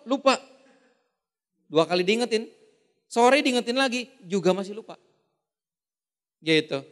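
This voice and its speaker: Guy giving a seminar, lively, acts out funny quotes, high voice, big echoey hall. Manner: animated, acts out comic quotes, laughs often. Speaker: seminar speaker. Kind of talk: motivational seminar talk. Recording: long hall reverb.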